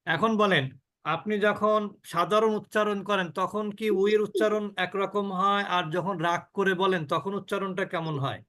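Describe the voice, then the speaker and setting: A man teaching an online recitation class, drawing out each sound slowly and quizzing his students. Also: high voice, steady tone, bright, forceful tone. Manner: slow drawn-out demonstrations of sounds, asks the class questions.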